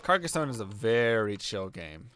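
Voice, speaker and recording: Fairly low in pitch yet very animated, this young man talks at normal speed with a fairly bright tone, a little hiss or hum in the recording. While playing a video game on stream, he casually answers viewer chat and says his voice is going.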